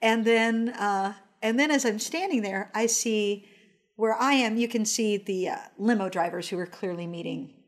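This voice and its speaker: A woman telling a casual, animated anecdote, acting out the quoted voices and using lots of fillers. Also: mid-range voice, normal speed. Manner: frequent fillers like "like". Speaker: storyteller.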